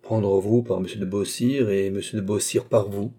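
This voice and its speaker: A man's voice: lowish voice, steady tone, moderate pace, warm tone, slightly rough. A man reading an audiobook, voicing a cool, politely mocking nobleman. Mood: suave. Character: suave, cool, ironic nobleman count.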